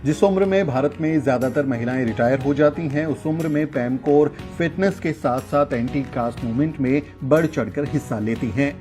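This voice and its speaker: A man hosting a vlog, narrating and interviewing on city streets with energy, mixing Hindi and English. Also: medium pitch. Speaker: host and vlogger.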